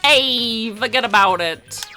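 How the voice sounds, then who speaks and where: A woman's voice: a little high, measured pace, sharp tone, faint music behind. A woman voicing a brash male mob enforcer who breaks kneecaps, talking with tough-guy mobster swagger. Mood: menacing swagger.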